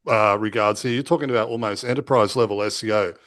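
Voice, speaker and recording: A man's voice: on the low side, fairly even intonation, fast talker, a bit bright. A man in the host's seat talks plainly and bluntly, coaching his guest through business advice. His speech is casual and easygoing, with an occasional swear word. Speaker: podcast host, agency coach. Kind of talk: casual interview chat.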